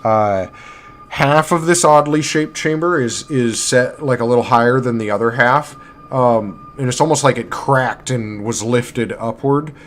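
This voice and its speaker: A man runs a tabletop game as game master, talking in a loose, rambling way full of fillers and quick self-corrections. His voice sits at an ordinary middle pitch. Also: a bit bright, a little hiss or hum. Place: home streaming setup.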